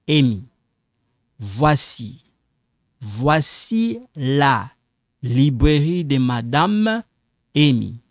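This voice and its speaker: Vocal fry marks the mid-range voice of a middle-aged French teacher, heard in clean studio sound without room sound. His classroom-style language lesson features patient, repetitive, slow explanations and non-native English phrasing.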